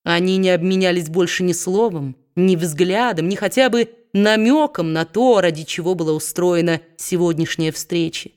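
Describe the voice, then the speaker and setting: Lower-voiced woman reading a novel. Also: normal speed, few pauses, a little mellow. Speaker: audiobook reader. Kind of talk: scripted narration of a classic novel.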